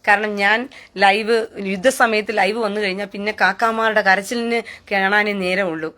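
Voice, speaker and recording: A woman's voice: medium pitch, steady tone, normal speed, sharp tone. A woman hosting a live stream, taunting and scornful, who keeps asking jeering questions. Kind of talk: mocking live rant.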